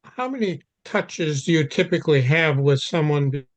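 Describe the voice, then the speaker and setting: A man asking a question on a video call, halting and restarting, his voice cutting in and out from a faulty microphone. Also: a little high, lively intonation, dry recording. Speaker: meeting participant asking a question. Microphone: computer microphone on a video call.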